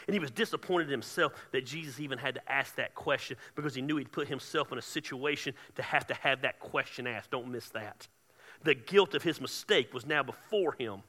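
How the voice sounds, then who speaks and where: Joking preacher man with a bright edge. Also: mid-range voice, a little fast, in a large hall. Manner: humorous, conversational, builds to shouting. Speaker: pastor. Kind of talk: sermon. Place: church sanctuary.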